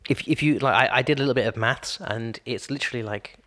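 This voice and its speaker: This British podcast co-host, a man in his thirties, talks fast in a mid-range voice with a sharp edge. Chatting casually, he thinks out loud, often restarting sentences and using fillers as he reflects on his ideas.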